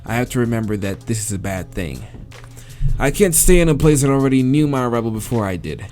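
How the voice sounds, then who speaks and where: Reading through a visual novel for a let's play, this man keeps breaking off to curse and laugh while game music runs underneath. His voice sits at medium pitch with a darkish tone, expressive and fairly quick.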